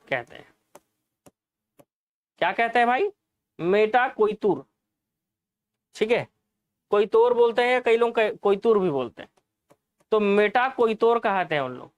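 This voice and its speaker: A man's voice: extremely high pitch, clean tone, no room sound. A man teaching an exam-prep lesson, explaining answers, repeating key points and asking the class rhetorical questions.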